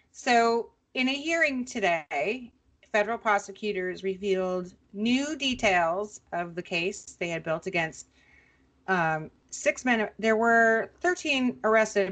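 A woman podcast co-host chatting casually and recapping news, with relaxed, hesitant pauses. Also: mid-range voice. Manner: conversational, relaxed with many "um" pauses.

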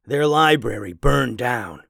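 A man voicing a towering, bookish male werewolf librarian who lectures in a measured way. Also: medium pitch, animated, vocal fry, fairly bright tone, no echo, studio quality, heavily acted. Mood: lecturing.

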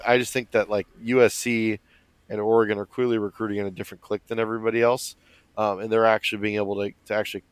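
A lowish male voice, clearly congested and nasal, as though he cannot breathe through his nose. He talks casually and emphatically as a sports analyst. The sound is dry, with little room in it. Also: no echo. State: congested, stuffed-up nose from allergies.

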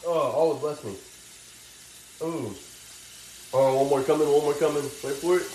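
A man's voice: fairly high pitch, moderate pace, a little mellow, slight background noise. A young man telling stories in a rambling, slangy, laid-back way while he cooks at home. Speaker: vlogger. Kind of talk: casual storytelling. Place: home kitchen, cooking. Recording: roomy kitchen with faint frying sizzle.

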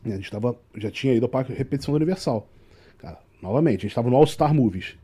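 A man's voice: mid-range voice, animated, quick pace, warm tone, husky. A man with a Brazilian Portuguese accent, a tour guide guest telling a story in casual chat and acting out the dialogue.

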